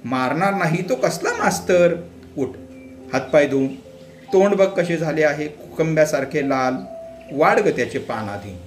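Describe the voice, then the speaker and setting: A man's voice: a little high, animated, a little slow. A man voicing a stern older man of the house, who gives brusque orders. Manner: brusque and commanding. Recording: echoey room with faint music.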